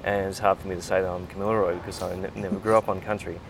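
A man from Sydney with an Australian accent, chatting casually as an interviewer in a halting, thoughtful way. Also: deep voice, flat delivery, noisy background. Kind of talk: casual chat.

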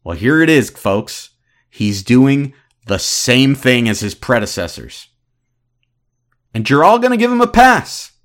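A man in his thirties giving opinionated sports commentary as a podcast host, ranting in an animated, exasperated way. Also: mid-range voice, a little slow. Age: 30s.

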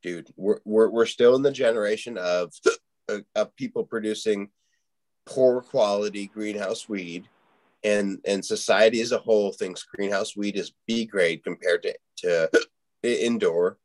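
A man's voice: lowish voice, a little slow, a little mellow. A middle-aged man hosting a podcast in casual chat, rambling with lots of fillers and restarts, swearing freely, and fighting the hiccups. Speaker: podcast host.

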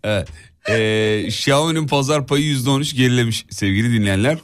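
A man's voice: medium pitch, fairly quick. A man hosting a radio show, reading out news items in a casual chat and correcting his co-host.

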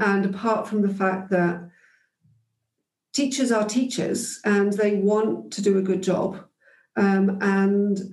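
Interviewed as a guest, a woman thoughtfully looks back on her teaching days in reflective, conversational storytelling, full of ums and restarts. Her voice is mid-range with a darkish tone, and the sound is roomy.

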